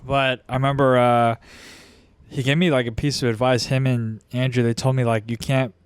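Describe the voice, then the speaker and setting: A man co-hosting a podcast, a stand-up comedian who makes deadpan, wry remarks in casual chat. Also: medium pitch, moderate pace, clean tone, no room sound. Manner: deadpan, wry one-liners. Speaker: podcast co-host.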